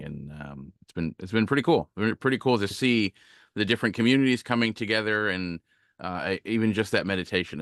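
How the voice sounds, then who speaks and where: A man giving a relaxed, conversational guest sermon as a minister, reflective and full of small fillers and restarts. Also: sits low, clear, resonant tone, no room sound, clean studio sound. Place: online talk, home setup.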